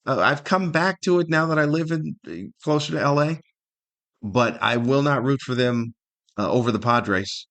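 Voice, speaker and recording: An older man, 50 or above, from Southern California hosts a solo podcast in an American accent. His mid-range voice is fairly bright and moves at a moderate pace. He talks casually, rambling and poking fun at himself.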